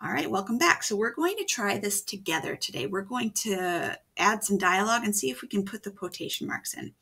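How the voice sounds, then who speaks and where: A woman teacher giving a video writing lesson for children, explaining slowly and patiently step by step. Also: mid-range voice, animated, pushed and bright, husky.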